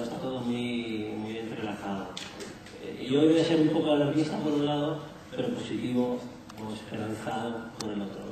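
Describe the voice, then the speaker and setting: A man in his forties with a Spain accent and a hoarse voice speaks hesitantly in a panel discussion. He is picked up at a distance in a hall full of echo, with clear background noise. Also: mid-range voice. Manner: halting, hesitant delivery. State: hoarse, under the weather. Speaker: industry association panelist. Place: conference stage, large indoor hall. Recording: echoey hall, distant mic, noisy.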